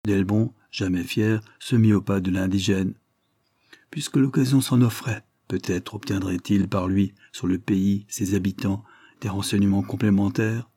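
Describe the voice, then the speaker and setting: A man reading a storybook aloud in a steady, even narration. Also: fairly low pitch, husky, no room sound, studio quality. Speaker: audiobook reader.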